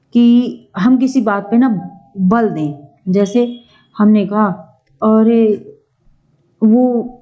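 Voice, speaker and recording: A woman teaching Hindi grammar in an exam-prep lecture, slowly repeating each point and checking in with her students. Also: a little high, mellow, dull audio. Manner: slow, repeats points, keeps checking with "ठीक है".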